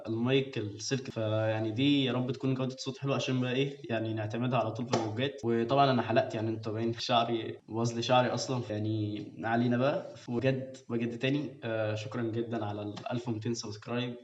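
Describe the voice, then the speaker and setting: Young Egyptian man, casual rambling vlog talk, very quick delivery, dull earbud mic, roomy echo. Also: medium pitch, fairly even intonation, a little hiss or hum. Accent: Egyptian Arabic. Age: young adult. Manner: rambling, filler-heavy, chatty. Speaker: vlogger. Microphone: new earbuds.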